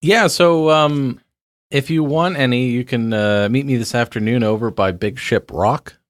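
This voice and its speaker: A man's voice: medium pitch, measured pace, no echo, close to an everyday voice. A man playing a laid-back guy in an improv bit who gives directions to a meeting spot, hesitant and full of ums. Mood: casual. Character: easygoing man offering to meet at a landmark.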